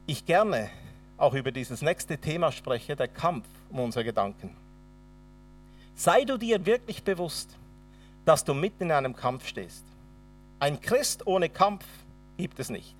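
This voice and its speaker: A man's voice: a little high, recorded from a distance. A man with a Swabian accent preaching a sermon and telling his own testimony, acting out the dialogue dramatically. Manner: dramatic storyteller, acts out dialogue.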